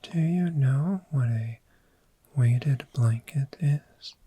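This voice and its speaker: In an ASMR roleplay, a performer voices a friendly, soothing dragon therapist showing off a cozy hoard, whispering gently and breathily and lingering on repeated words. The voice is medium-pitched and extremely slow.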